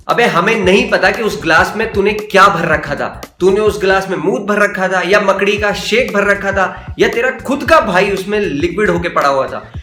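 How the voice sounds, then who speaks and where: Host: sarcastic young man roasting, bright higher voice, echoey room with faint music. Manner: sarcastic, crude ranting. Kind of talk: comedic roast commentary.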